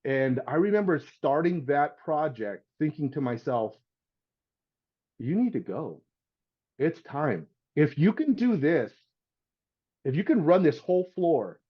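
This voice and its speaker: Middle-aged guy, painter telling stories on a podcast, kinda high voice, muffled lo-fi sound. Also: slow pace, long pauses, husky. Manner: animated storyteller, acts out voices, says "man" and "dude". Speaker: guest, house painter. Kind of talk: casual storytelling.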